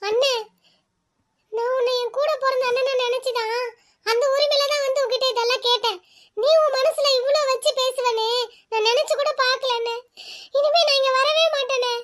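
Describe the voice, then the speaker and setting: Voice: extremely high pitch, steady tone, moderate pace, long pauses, fairly bright tone. ஒரு குரல் நடிகர் மனம் புண்பட்ட இளம் தங்கையாக, சிணுங்கும் தொனியில் பேசுகிறார். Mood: hurt whining. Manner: whining, wounded. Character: hurt young married sister, tearful and demanding.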